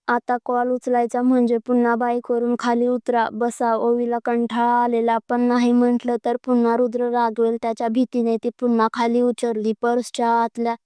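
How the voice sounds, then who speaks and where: A woman narrates a scripted love story in a smooth, clear voice pitched a little high. She keeps her tone strikingly level, even when she speaks the characters' lines. The recording is dry and close, with no room sound. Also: dry recording. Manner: reads all characters in her own voice.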